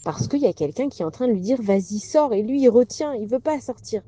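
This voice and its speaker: A woman's voice: a little high, animated, fast, warm tone. A woman teaching a recorded religious class in a conversational, storytelling way with rhetorical questions.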